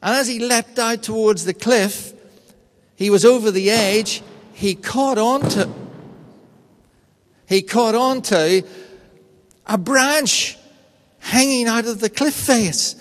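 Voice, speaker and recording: A man preaching a sermon in an unhurried, conversational and personal way, telling stories. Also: high voice, long reverb tail. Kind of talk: sermon with storytelling.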